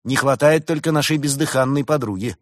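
A man's voice: medium pitch, fairly quick, no echo, clean studio sound, pitched above the performer's own voice, lightly acted. A man voicing a sarcastic, wisecracking male cat with an ironic, mocking manner.

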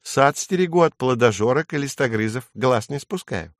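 A man's voice: mid-range voice, animated, normal speed, no echo, studio quality, pitched above the performer's own voice, lightly acted. A man voicing a diligent little female titmouse in a storybook, earnest and proud.

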